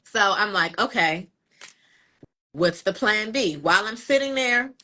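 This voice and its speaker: Animated, bright-voiced woman. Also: medium pitch, measured pace. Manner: animated, dramatic retelling with asides to listeners. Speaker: co-host. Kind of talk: casual storytelling chat.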